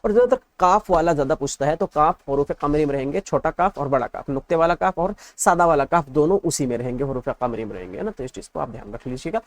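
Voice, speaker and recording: A man's voice: on the high side, lively intonation, fast, few pauses, dry recording. A male teacher giving an exam-prep lesson, patiently drilling letters in repeated lists and asking the class check questions.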